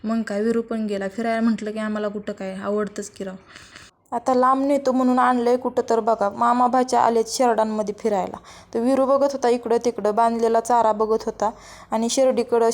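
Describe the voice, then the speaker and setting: A woman's voice: a little high, darkish tone. A woman narrating her day in a casual, chatty vlog voice-over. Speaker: vlogger.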